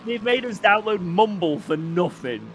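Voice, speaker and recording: A man on team voice chat during a sim race, reacting with animated, excitable exclamations. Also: high-pitched, normal speed, a crowd in the background. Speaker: team driver.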